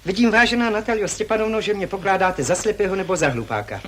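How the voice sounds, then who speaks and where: An actor playing a touchy, hypochondriac young landowner who argues stiffly and formally and complains of heart palpitations, in 1960s television stage acting. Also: male voice, high voice, fairly bright tone, a little hiss or hum. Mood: argumentative. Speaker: anxious suitor in a stage comedy.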